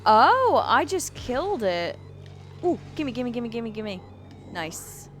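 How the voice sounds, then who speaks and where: A woman's voice: fairly high pitch, sing-song, slow, fairly bright tone, slight background noise. A woman in her thirties streaming a video game live, chatting with viewers and swearing and exclaiming at the action. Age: 30s. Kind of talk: live gameplay commentary. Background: faint game music.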